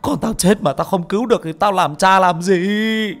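A man voicing a desperate young father in an audio story, pleading in a high, frantic, raw voice. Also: moderate pace, fairly bright tone, faint music behind.

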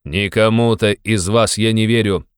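A man voicing a hot-tempered, blustering young male friend who shouts and scolds. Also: lowish voice, fairly even intonation, measured pace, clean tone, no echo, studio quality, pitched above the performer's own voice, natural voice. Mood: blustering scolding.

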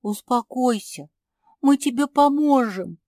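An eager young female pug, voiced by a woman in a storybook. She fires off quick, excited questions in a raised, bright tone. The sound is close and dry. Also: sits high, no room sound, voice pushed up, heavily acted.

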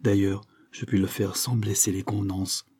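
A man reading the part of a calm, proud aristocratic suitor who speaks in a courtly, composed way. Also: on the low side, moderate pace, slightly rough. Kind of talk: audiobook reading.

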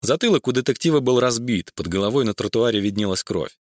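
A man narrating a crime story audiobook in a measured reading voice. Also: medium pitch, lively intonation, dry recording, clean studio sound. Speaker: audiobook reader. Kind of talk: scripted narration.

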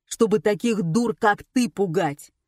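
A woman voicing a gruff, scornful, bossy husband in an audiobook. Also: mid-range voice, a little slow, warm tone, dry recording, clean studio sound, lightly acted. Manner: gruff, mocking.

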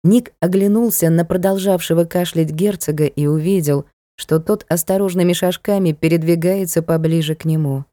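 A woman narrates an audiobook in a steady, even storytelling manner. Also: on the low side, normal speed, few pauses, no room sound, studio quality.

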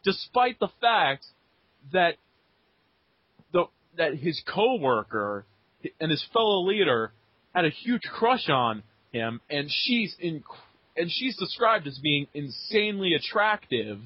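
Eager young man, husky and lively. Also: fairly high pitch, slow, no room sound. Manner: excited, laughing, stumbling restarts. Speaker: podcast co-host. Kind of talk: casual chat. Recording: dull lo-fi recording.

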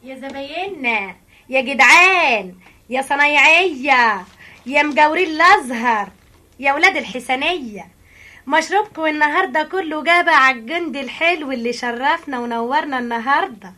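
A woman's voice: sits high, expressive, fairly quick, pushed and bright. An actress with an Egyptian accent playing a brash, big-hearted drinks-shop woman in a radio drama, calling out like a street vendor. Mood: rousing, generous.

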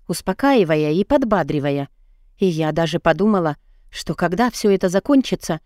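A woman narrating a novel in the first person, in an even storytelling manner. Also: lowish voice, dry recording, studio quality. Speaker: audiobook narrator.

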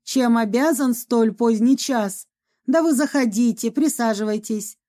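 A woman voicing a courteous, plump middle-aged male doctor who speaks politely and in a measured way. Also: a little high, mellow, close to an everyday voice. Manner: polite, welcoming, slow and measured. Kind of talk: audiobook reading.

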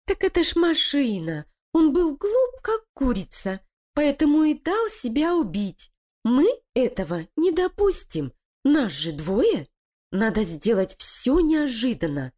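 A woman's voice: high voice, sing-song, measured pace, a little mellow, pitched above the performer's own voice, exaggerated voice. A woman voicing Lilia, a sly, scheming female animal who talks in a cold, threatening, commanding way.

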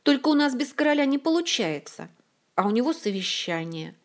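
A woman's voice: sits high, big pitch swings, brisk, voice pushed up. A woman voicing a hesitant, hopeful young man. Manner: unsure and hesitant.

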